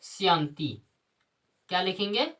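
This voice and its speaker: A woman with a fairly low, slightly bright voice teaches a Sanskrit grammar lesson at a measured, animated pace, recorded from a distance. She poses questions to the class, answers them herself, and repeats the key terms in call-and-response fashion.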